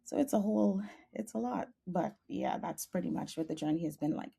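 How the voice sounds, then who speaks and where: Bahamian woman, young adult, low voice, earnest and passionate guest on a video call. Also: a little fast, vocal fry, mellow, breathy edge. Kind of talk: podcast interview.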